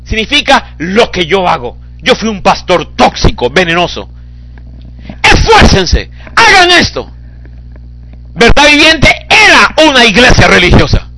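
Pastor, male, high and animated voice, bright tone, dramatic swings from hush to shouting. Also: measured pace, slight background noise, low-quality recording. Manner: dramatic preaching, swings from low murmurs to shouted cries. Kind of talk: sermon.

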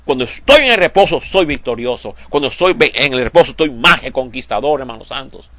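Give me an older man preaching a fervent sermon, mid-pitched and dry. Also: lively intonation, a little fast, no room sound. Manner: fervent, repeats "hermanos santos" with a soft drop at phrase ends; stumbles and repeats words when moved.

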